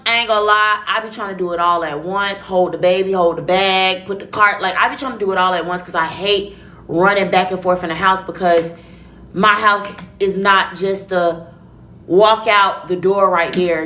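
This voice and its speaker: A woman's voice: on the low side, pushed and bright, poor audio. A young adult woman telling a casual, profane story to her viewers, blunt and chatty, acting out her own reactions.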